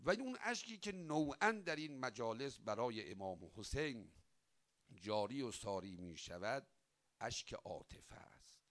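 A man delivering a religious sermon, voice rising loud and sinking soft, drawing out chanted prayers. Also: mid-range voice, lively intonation. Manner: dramatic rise and fall, swelling loud then dropping soft; chants quoted prayers with drawn-out emphasis. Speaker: cleric.

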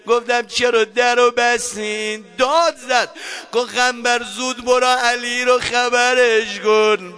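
A man's voice: extremely high pitch, sharp tone. A man leading a chanted religious mourning recitation. He moves between sung lament and spoken storytelling, and he speaks straight to the listeners.

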